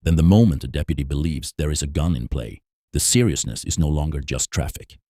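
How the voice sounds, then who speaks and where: A man giving scripted commentary on police procedure, in a measured and emphatic way. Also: very deep voice, dark tone, no echo, clean studio sound. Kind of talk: scripted analytical narration.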